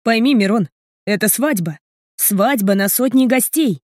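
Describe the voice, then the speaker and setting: A woman's voice: a little high, animated, measured pace, a little mellow, no echo, studio quality. A woman reading the lines of an agitated, jealous young man in an audiobook, heated and pleading.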